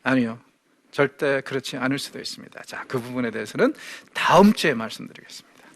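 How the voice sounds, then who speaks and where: A man's voice: medium pitch, animated, fairly quick, fairly bright tone, no echo. A man giving a Bible lecture, asking his listeners rhetorical questions and acting out quoted speech. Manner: asks the audience rhetorical questions; acts out quoted speech vividly.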